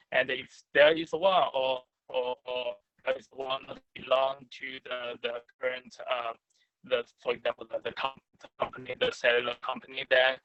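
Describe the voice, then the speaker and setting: A man answering a conference question over a video call, talking haltingly with many fillers while his connection breaks up and drops out. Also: mid-range voice, fairly bright tone, dry recording, lo-fi sound. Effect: breaking-up, dropping video call audio. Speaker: researcher presenting his work. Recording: choppy distant video call line.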